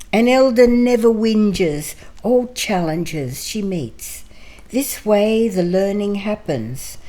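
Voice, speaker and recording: An older woman from Greece, reading her own poem in a slow, measured way and then telling her life story as a guest in her home. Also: mid-range voice, warm tone, low-quality recording. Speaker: interview guest. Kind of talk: poetry reading and personal storytelling.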